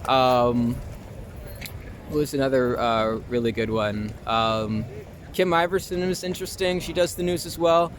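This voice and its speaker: Unhurried and mid-range, a young man from Long Island, New York, talks casually as the subject of a street interview, feeling out his answers. He works as an actor and filmmaker, and the city street around him is loud with traffic.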